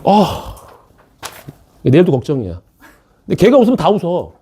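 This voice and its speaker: Male math teacher lecturing a class, very animated swings in pitch and a mellow, slightly husky tone, chatty and playful with students. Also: normal speed. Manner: chatty, jokes with students, keeps checking in.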